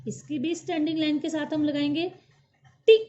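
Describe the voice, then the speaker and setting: A woman's voice: high voice, little pitch movement, normal speed, dark tone. A woman teaching a children's Hindi alphabet lesson, patiently repeating each syllable aloud for the class to follow. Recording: dull lo-fi recording.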